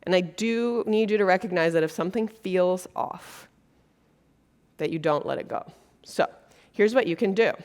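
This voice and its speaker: A woman's voice: on the low side, moderate pace, darkish tone. Earnest woman giving a keynote talk. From Brazil. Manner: earnest, conversational, with frequent fillers. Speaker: keynote speaker. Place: conference stage before an audience.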